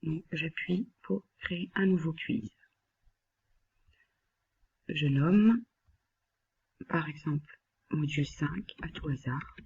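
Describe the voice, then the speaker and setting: A woman instructor walking a colleague through a screen-recorded software tutorial, patient and step-by-step, talking directly to him and sometimes dropping to a near whisper. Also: low-pitched, slow, pauses often, breathy edge, highs cut off.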